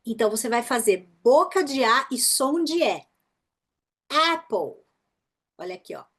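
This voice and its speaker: A Brazilian woman with a Brazilian Portuguese accent teaching English pronunciation in an online workshop, explaining patterns and demonstrating words slowly, often checking in with the listener. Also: fairly high pitch, lively intonation, breathy edge.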